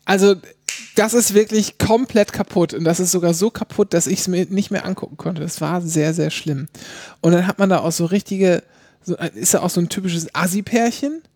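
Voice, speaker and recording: Male co-host, high voice, dry close sound, retells scenes with mock-voiced quotes. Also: moderate pace, breathy edge, no room sound. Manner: animated storyteller, quotes people in lowered mock voices. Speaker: podcast co-host. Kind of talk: casual chat, retelling reality TV scenes.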